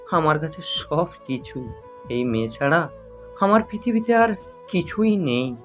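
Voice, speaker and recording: A man's voice: on the high side, a bit bright, exaggerated voice. A man voicing an older father who pleads through tears, in an audio story. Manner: tearful and begging.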